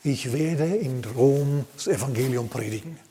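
A man voicing a calm, unbothered male apostle, matter-of-fact in a long hall reverb. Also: mid-range voice, unhurried, lightly acted. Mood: resigned.

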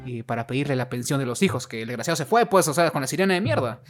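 A young Peruvian man tells a legend in a crude, joking way as podcast co-host. His pitch sits mid-range, and music plays steadily behind him. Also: animated, racing. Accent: Peruvian Spanish. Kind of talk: comic storytelling.

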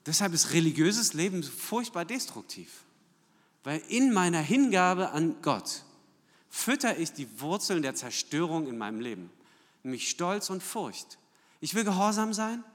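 Lively preacher in a reverberant hall. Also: male voice, on the high side, unhurried. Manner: lively preaching with rhetorical questions and tag "ja?". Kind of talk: sermon. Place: church hall. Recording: long church hall reverb.

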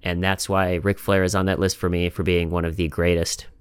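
A man's voice: deep voice, level tone, brisk, clear, resonant tone, no room sound, studio quality. A man hosting a casual podcast chat. He talks in an emphatic, rambling way and swears a lot. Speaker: podcast host.

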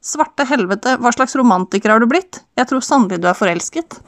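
Woman reading as a gruff cursing mechanic. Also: on the high side, lively intonation, no echo, pitched above the performer's own voice. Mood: grumbling. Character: grumpy middle-aged male mechanic.

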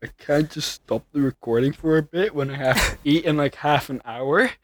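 A man's voice: a little high, normal speed, dry recording. A man telling stories and teasing his friends in a casual podcast chat. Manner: teasing, storytelling.

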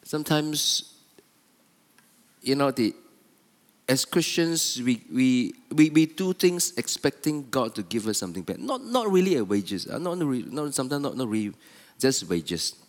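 A man's voice: medium pitch, big pitch swings, measured pace. Emphatic preacher man in echoey hall. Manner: repetitive, stop-start emphatic phrasing. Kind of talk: sermon.

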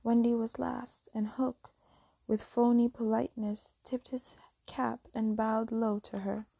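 Woman whispering a bedtime story, breathy and gravelly, dry close sound. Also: fairly high pitch, level tone, low-quality recording. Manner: soft, slow, hushed.

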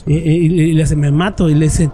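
Hombre mexicano contando anécdota con jerga. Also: male voice, on the high side, flat delivery, fairly quick, dark tone, faint music behind. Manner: slangy, peppers speech with "güey", many restarts. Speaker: podcast co-host telling a story. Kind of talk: casual storytelling chat.

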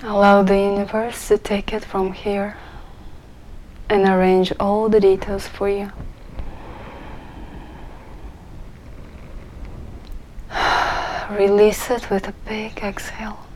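A woman leading a guided meditation softly and gently, often in a breathy near-whisper. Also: mid-range voice, little pitch movement, unhurried, a little hiss or hum, rough recording.

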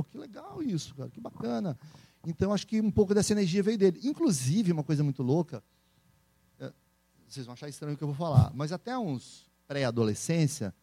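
A man with a Brazilian accent, a speaker and entrepreneur, telling stories in a casual interview with animated laughter. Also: on the high side, dry recording. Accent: Brazilian Portuguese. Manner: animated, laughing, quick storytelling.

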